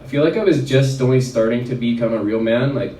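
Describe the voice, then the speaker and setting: At a wellness event, a chiropractor from Red Deer, Alberta, Canada casually rambles through a personal story, filling it with fillers. He has a warm, mid-range voice and a quick pace. The sound is roomy, caught by a distant mic in the event venue, with a little hiss or hum.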